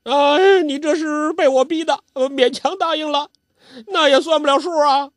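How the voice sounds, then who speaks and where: A man's voice: extremely high pitch, normal speed, dry recording, studio quality, voice pushed up. A man voicing a playful, childish old male martial artist, who whines and teases in a petulant way. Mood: sulky whining. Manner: whiny, petulant, teasing.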